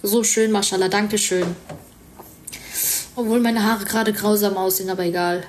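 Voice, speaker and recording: A woman's voice: mid-range voice, fairly even intonation, normal speed, slight background noise. A young woman chatting casually on a livestream with a stuffy nose, thanking viewers and giving them advice. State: stuffy nose, sore throat.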